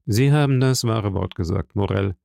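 A man voicing a calm, powerful count who speaks softly and measuredly. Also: fairly low pitch, vocal fry, no room sound, studio quality. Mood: gentle. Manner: soft, measured, gently smiling. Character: calm, powerful middle-aged count, gentle and mysterious.

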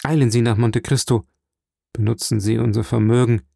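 A man reading a dying old priest, gravelly and low. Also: fairly even intonation, moderate pace, dark tone, dry recording, studio quality. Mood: tender. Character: dying old male priest, gentle and solemn. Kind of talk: audiobook character reading.

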